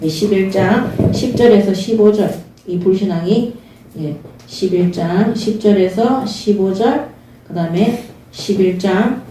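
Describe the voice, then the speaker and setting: A woman's voice: medium pitch, measured pace, mellow, a little hiss or hum. A woman preaching a sermon and reading Bible verses, earnest, often calling the room to attention. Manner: earnest, repeats short calls for attention. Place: church sanctuary. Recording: very echoey, mic at a distance.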